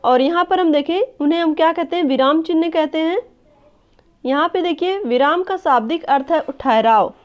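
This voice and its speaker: A woman teacher giving an online lesson, explaining step by step, addressing viewers as friends and often checking with "clear?". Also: very high voice, moderate pace. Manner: checks understanding with a repeated "clear?". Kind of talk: online exam-prep lesson. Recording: dull lo-fi recording.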